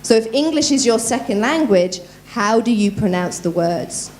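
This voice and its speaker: A woman voice coach giving a lively workshop at a conference, talking quickly and quizzing the audience. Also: on the high side, a little hiss or hum. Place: conference room.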